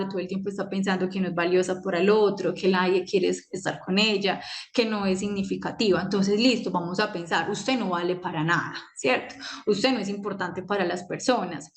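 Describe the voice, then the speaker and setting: A young adult woman, a psychologist giving a conversational talk on managing anxiety and asking many rhetorical questions. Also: mid-range voice. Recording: echoey room.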